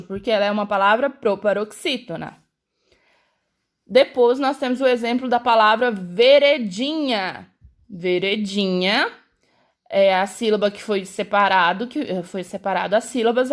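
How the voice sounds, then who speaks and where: A woman teacher with a Brazilian accent, patiently taking young pupils through a school worksheet step by step and talking to them directly. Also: on the high side. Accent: Brazilian Portuguese. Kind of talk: explaining a school worksheet to children.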